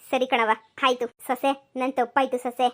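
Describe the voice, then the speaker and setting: A woman's voice: sits high, little pitch movement, moderate pace, fairly bright tone. A woman voicing a remorseful elderly mother-in-law in a cartoon, pleading and blaming herself. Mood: contrite. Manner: pleading, self-reproaching. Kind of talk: cartoon voice acting.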